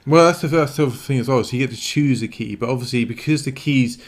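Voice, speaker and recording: A man co-hosting a board game podcast, calmly explaining game rules in casual chat. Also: mid-range voice, quick pace. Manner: relaxed explainer, many yeahs. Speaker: podcast co-host.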